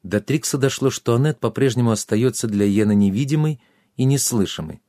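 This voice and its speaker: A man reading a fantasy novel aloud as an expressive audiobook narrator. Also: medium pitch, brisk, no room sound, clean studio sound. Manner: expressive, acts out all characters.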